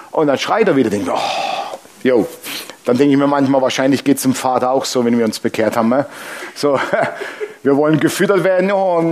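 Ein älterer Mann, der als Pastor lebhaft und humorvoll predigt und dabei Bibelverse vorliest. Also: male voice, medium pitch. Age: older. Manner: lively, humorous preaching with Bible reading aloud. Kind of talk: sermon.

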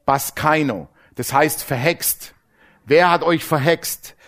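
A man preaching a sermon with dramatic storytelling, swinging between loud emphasis and low hushed asides, slowing down to stress key words. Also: lively intonation. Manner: slows down to stress key words, then rushes.

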